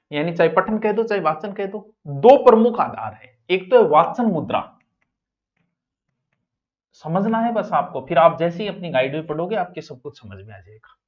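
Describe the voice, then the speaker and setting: High-voiced male teacher, jokey and dynamic, captured on dull lo-fi classroom audio. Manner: lively, jokey, swings between loud and soft. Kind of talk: exam coaching lecture.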